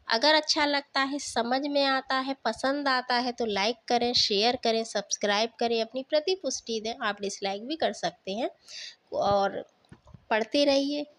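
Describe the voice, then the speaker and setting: A woman's voice: on the high side, a little slow, no room sound. A woman teaching an exam-prep lesson with memory tricks, explaining patiently with fillers and questions to the viewer, and words spoken.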